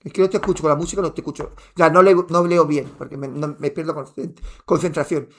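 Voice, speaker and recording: A male gaming streamer ranting to his chat, heated and almost shouting, repeating himself and swearing, while wearing headphones. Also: on the high side, fairly even intonation, fast talker, faint music behind. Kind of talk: live stream rant.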